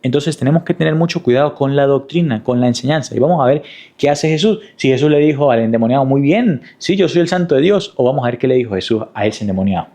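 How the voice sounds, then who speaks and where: Speaking fast in a mellow, medium-pitched voice, this preacher teaches through his sermon, driving points home with repetition and rhetorical questions.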